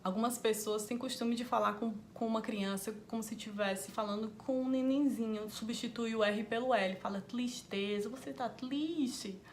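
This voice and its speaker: Brazilian lady hosting a parenting channel, calm and direct, faint hiss behind. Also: fairly high pitch, fairly quick, few pauses. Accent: Brazilian Portuguese. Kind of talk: explanatory talk to camera.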